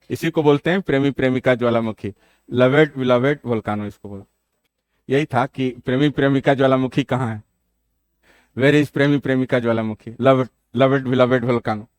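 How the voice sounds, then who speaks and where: Slow-paced male geography teacher. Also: medium pitch, no echo. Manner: mixes Hindi and English, calls out to students, repeats key names. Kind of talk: classroom lecture. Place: classroom.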